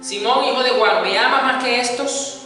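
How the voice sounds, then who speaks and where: Male preacher, bright-voiced, teaching sermon, distant mic in a reverberant hall. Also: very high-pitched, moderate pace. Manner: teaching, explains Greek words, dramatizes quoted dialogue. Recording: echoey hall, voice from a distance, soft music.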